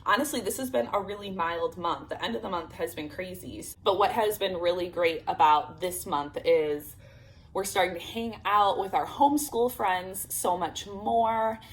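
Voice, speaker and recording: A homeschool vlogger from Illinois, a woman in her thirties, chats casually to camera at a moderate pace in a mid-range voice. She's upbeat and full of fillers despite a sore throat, and the recording quality is low.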